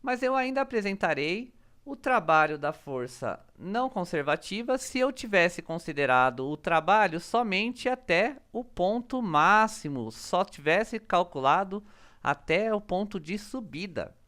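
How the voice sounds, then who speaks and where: A man's voice: sits high, animated, a little slow, fairly bright tone. A man, teaching physics as he methodically walks through a worked problem and reads out each calculation term by term. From Brazil. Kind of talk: step-by-step worked-problem explanation.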